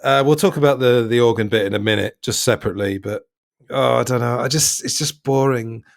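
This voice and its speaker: A man with a mid-range voice hosts a casual film podcast, chatting in a relaxed, opinionated way. His voice sounds dry and close, with no room echo. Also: mid-range voice, fairly quick, gravelly. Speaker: podcast host. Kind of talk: casual film review chat.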